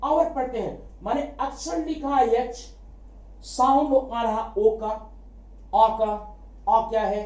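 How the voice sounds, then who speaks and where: A man teaching a grammar lesson, asking quick rhetorical questions, answering them himself and repeating key words for emphasis. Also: very high-pitched, darkish tone. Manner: addresses students familiarly as brother. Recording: echoey room, dull lo-fi sound.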